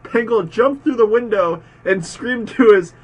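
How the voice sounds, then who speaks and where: Giggly young man with a high voice. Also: a little slow. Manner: giggly, jokey banter. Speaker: podcast co-host. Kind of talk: casual chat.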